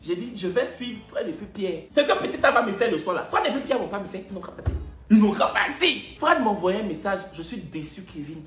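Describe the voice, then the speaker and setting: Animated Ivorian man telling a comic story. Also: sits high, reverberant. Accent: Ivorian French. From Côte d'Ivoire. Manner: animated, acts out every part of the dialogue. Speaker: comedian.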